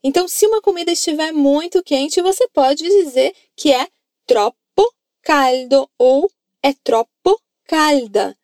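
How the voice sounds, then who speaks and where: A Brazilian woman leads an Italian lesson in a high, bright-toned voice. She keeps prompting her listeners to repeat each line. The recording is dry and close, with no room sound. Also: animated, unhurried, no room sound. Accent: Brazilian Portuguese. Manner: encouraging, coaxing the listener to repeat. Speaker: Italian teacher. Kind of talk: language lesson narration.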